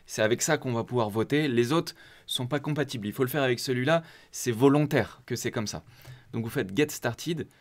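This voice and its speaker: A man's voice: medium pitch, a little fast. Chatty man hosting a how-to walkthrough. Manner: chatty and informal, walking viewers through clicks step by step. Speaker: host of a crypto community channel. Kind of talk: casual screen-share tutorial.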